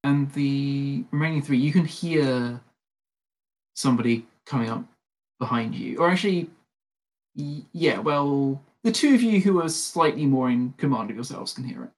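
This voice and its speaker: A game master narrating a tabletop role-playing game in a chatty way, with many fillers and quick self-corrections. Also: mid-range voice, lively intonation, darkish tone.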